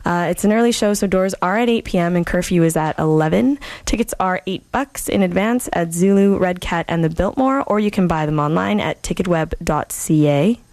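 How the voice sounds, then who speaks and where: A woman presents a radio show in a casual, unpolished way. Her voice sits a little low with plenty of vocal fry. She pauses and hesitates often, and the sound is close and dry. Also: a little mellow, dry recording. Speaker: radio host filling in on a music show.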